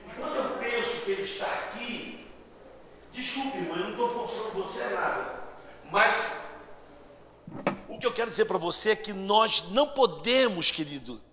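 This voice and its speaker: Rio pastor preaching, kinda high gravelly voice, gets loud then hushed, big echoey church. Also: male voice, moderate pace, pauses often, a little hiss or hum. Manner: animated, swings between loud bursts and hushed asides. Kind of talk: sermon with storytelling. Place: church hall. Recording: church hall reverb, mic at distance.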